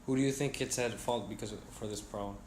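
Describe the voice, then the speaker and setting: A man's voice: fairly low pitch, steady tone, fast talker, darkish tone, slight background noise. A man interviewing a student, asking probing questions and often rephrasing or prompting answers. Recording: echoey room.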